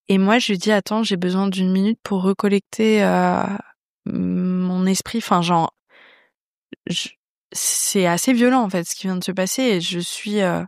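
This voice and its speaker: A young French woman hosting a podcast, telling a personal story in a chatty, animated way with many fillers. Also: mid-range voice, no echo, clean studio sound. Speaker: podcast host. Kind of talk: storytelling monologue.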